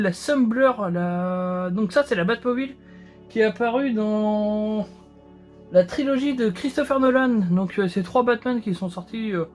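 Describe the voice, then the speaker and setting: A man's voice: sits high, a little mellow. A man hosting his own show, chatting casually with many hesitations and restarts while he builds a model. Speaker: host.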